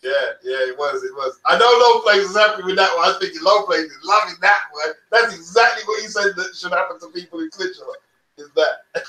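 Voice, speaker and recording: A man hosting a casual livestream chat about boxing. He is lively, then trails off into low, quiet mumbles. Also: a little fast. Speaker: livestream host. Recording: roomy sound with faint noise.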